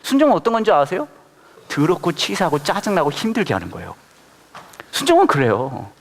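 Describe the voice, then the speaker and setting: A man preaching to his congregation in a quick, high, lively voice that swoops up and down as he keeps firing questions at them. His words trail off into a long reverb from the church hall. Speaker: pastor. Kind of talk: sermon. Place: church worship service.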